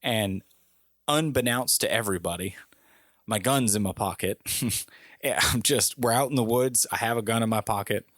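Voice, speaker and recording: A low-pitched man on a casual podcast, spinning a story with animated gusto and jumping up in pitch whenever he quotes someone. The sound is dry and close, with no room around his voice. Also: normal speed, no echo. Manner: animated storyteller, raising his voice when quoting people. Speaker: podcast co-host.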